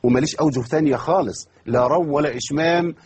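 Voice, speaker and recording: This man, who has an Egyptian Arabic accent, teaches Quran recitation online, drawing out words slowly to demonstrate and continually asking and answering his own questions. His voice is very husky, a little high and darkish in tone, and he speaks rapidly.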